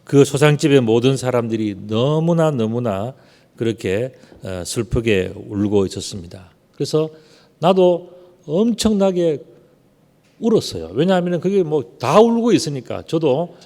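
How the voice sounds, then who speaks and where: A man preaches from the pulpit in a mellow, relaxed tone. He keeps the sermon conversational, with rhetorical questions and drawn-out words for emphasis. His voice carries a long reverb from the church hall. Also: medium pitch. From Gyeongsang region, South Korea. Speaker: pastor. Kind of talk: Sunday sermon with personal storytelling. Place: church sanctuary. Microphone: unmasked behind a screen at the pulpit.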